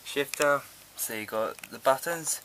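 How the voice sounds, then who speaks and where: A man chatting casually and haltingly as he presents an unboxing, recorded on a built-in camera microphone. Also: mid-range voice, low-quality recording. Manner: informal, halting, thinking aloud. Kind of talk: casual unscripted vlog chat. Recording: loud hiss, clicks, built-in camera mic.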